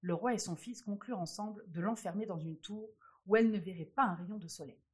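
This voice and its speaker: A woman reading a fairy tale aloud with expressive storytelling. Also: mid-range voice, a little fast, husky.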